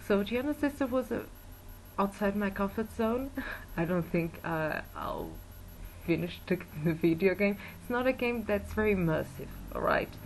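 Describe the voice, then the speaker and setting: A woman's voice: medium pitch, very animated, normal speed, gravelly, a little hiss or hum, low-quality recording. A woman from Portugal, a teacher, giving a spoken video review with many fillers and restarts. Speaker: English and German teacher. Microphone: built-in webcam mic.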